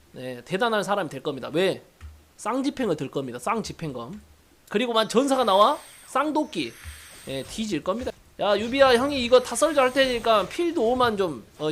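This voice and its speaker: A man's voice: sits high, a bit bright, a little hiss or hum. A man streaming a mobile game, giving brash casual commentary, swearing and teasing his viewers.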